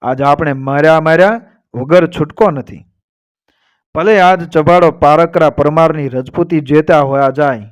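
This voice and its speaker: A man storyteller voicing a proud older Rajput woman who protects a wounded bird, speaking firmly and reciting verse in a measured way. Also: fairly high pitch, smooth, close to an everyday voice. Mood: firm, protective.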